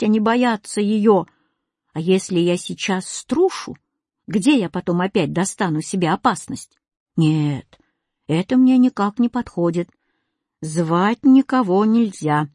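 A woman reading a children's story aloud, narrating lively in the first person. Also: mid-range voice, husky, dry recording, studio quality.

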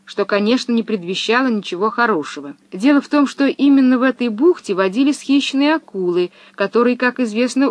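A woman narrating a children's storybook in a lively, expressive way. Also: mid-range voice, no room sound.

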